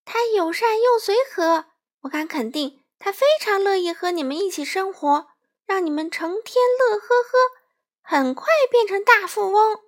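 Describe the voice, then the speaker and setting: A woman's voice: very high-pitched, lively intonation, moderate pace, voice pushed up. A woman voicing a cheerful, sly farm duck chiming in persuasively, in a children's storybook. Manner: persuasive, bright.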